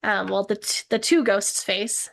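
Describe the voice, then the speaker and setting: A woman's voice: mid-range voice, steady tone, unhurried, gravelly, fairly bright tone. A woman hosting a casual movie review chat, talkative, laughing often and asking questions. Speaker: host.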